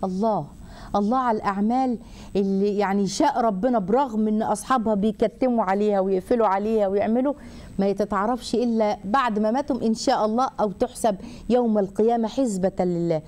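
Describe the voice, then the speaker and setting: A woman with an Egyptian accent hosting a religious advice talk, animated and acting out people's words as she answers a viewer's question. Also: mid-range voice, quick pace. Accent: Egyptian Arabic. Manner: animated, acts out people's words while advising. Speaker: host and family counselor.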